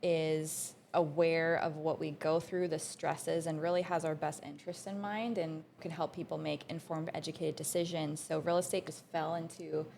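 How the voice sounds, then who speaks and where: A woman's voice: low-pitched, level tone, creaky, darkish tone, slight background noise. A young woman from Canada, a realtor being interviewed on a podcast, talking earnestly and conversationally. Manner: earnest, conversational, quick short agreements. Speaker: realtor guest.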